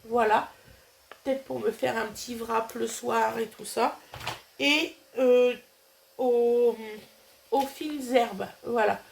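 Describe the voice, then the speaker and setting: A woman's voice: a little high, fairly even intonation, slow pace, gravelly, pauses often, a little hiss or hum. A middle-aged woman with a cold, talking through her nose as she casually shows off her grocery haul, chatty and hesitant with lots of fillers. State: nasal, has a cold. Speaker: vlogger showing a grocery haul.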